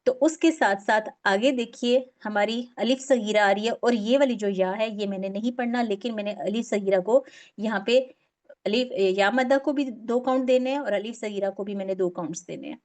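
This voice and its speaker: A woman's voice: medium pitch, normal speed, a little mellow. A woman teaching a recitation class, explaining patiently step by step and drawing out example words.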